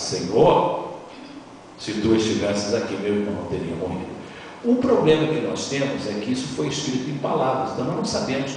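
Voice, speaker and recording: Pastor telling a bible story, voice jumping all over, super echoey church hall with a long ring. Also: male voice, a little high, a bit bright, recorded from a distance, slight background noise. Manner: storytelling, dramatic, retelling a scripture. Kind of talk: sermon. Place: church sanctuary.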